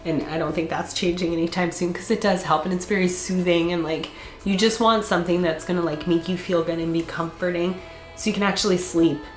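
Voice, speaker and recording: A congested woman vlogger chats casually, laughing often and filling her speech with fillers. Her voice is lowish and brisk with fairly even intonation. The room is echoey and faint music plays behind her.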